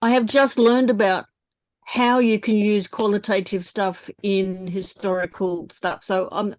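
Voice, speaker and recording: A woman historian talking informally in an academic discussion, halting and qualifying what she says. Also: medium pitch, flat delivery. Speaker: historian and researcher.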